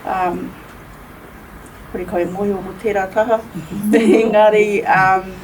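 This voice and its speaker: Measured New Zealand woman introducing herself. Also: medium pitch, fairly even intonation. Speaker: panelist. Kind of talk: formal introduction then panel talk. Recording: distant mic with faint room noise.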